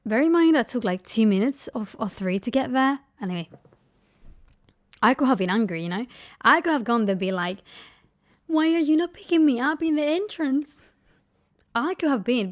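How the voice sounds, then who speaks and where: Young female vlogger, animated storyteller who whispers asides. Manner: animated, acts out quotes with big pitch jumps. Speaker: lifestyle vlogger. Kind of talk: casual storytelling to camera.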